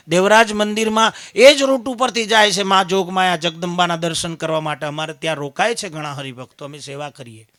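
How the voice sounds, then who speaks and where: A man with a Gujarati accent giving a devotional sermon. He preaches loudly, drops into low asides, and chants verses slowly. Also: creaky, dry recording, studio quality. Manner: preachy, swings between loud exhortation and low asides. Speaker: spiritual leader giving a satsang discourse.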